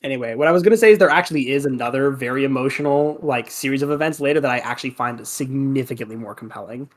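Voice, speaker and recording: A man's voice: medium pitch, quick pace. A man doing casual Let's Play commentary with a flippant, wry way of talking.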